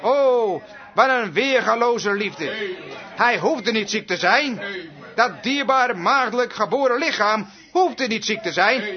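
High-voiced fervent male preacher. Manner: fervent, emphatic preaching with drawn-out phrases. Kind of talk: sermon. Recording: dull lo-fi recording.

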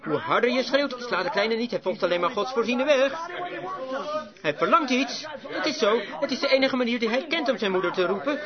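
Man preaching with fervor, high and lively voice, dull lo-fi recording, congregation heard behind him. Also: brisk, a crowd in the background. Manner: emphatic, fervent exhortation. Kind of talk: sermon.

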